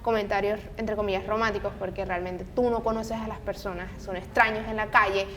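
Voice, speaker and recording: A woman's voice: little pitch movement, a little fast, fairly bright tone. A woman hosting a casual talk podcast, speaking in an earnest, opinionated way. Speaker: podcast host. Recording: noisy, low rumble behind voice. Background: rumbling background noise.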